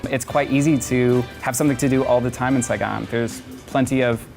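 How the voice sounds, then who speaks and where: A young man from Atlanta, Georgia, guests on a casual talk show, speaking openly and chattily with frequent fillers. His medium-pitched voice is steady and brisk with vocal fry, heard over music.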